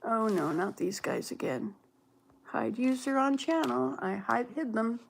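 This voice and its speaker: A woman's voice: fairly high pitch, expressive, measured pace, creaky, slight background noise. A woman in her late sixties from Canada, chatting casually on a livestream, musing aloud and answering viewer comments as she reads them. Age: 60s. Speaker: livestream host.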